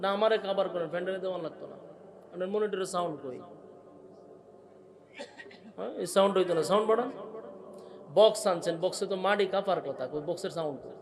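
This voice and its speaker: High-pitched angry preacher man. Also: fast talker, pauses often, a crowd in the background. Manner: giving orders to the sound operator. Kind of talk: sermon. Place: outdoor sermon gathering with loudspeakers.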